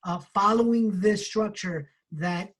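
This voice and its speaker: A man co-hosting a book club, telling a personal story in an animated way with casual swearing. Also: high-pitched, takes it slowly.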